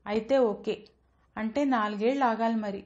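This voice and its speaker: Audio storybook: a headstrong, wheedling young daughter, read by a woman narrator, higher voice, dull lo-fi sound. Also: steady tone, normal speed, a little mellow, natural voice. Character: spirited, stubborn young daughter, a new mother.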